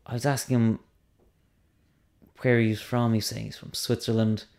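A man with a fairly low voice chats casually on a comedy podcast. He talks hesitantly, with many restarts and trailing thoughts, and is self-deprecating about his own stage mishaps. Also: level tone, normal speed, creaky, a little mellow. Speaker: stand-up comedian.

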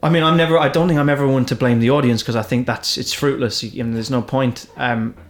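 An Irish stand-up comedian chats casually, rambling through his stories and restarting as he goes. His mid-range voice holds a steady tone at a quick pace.

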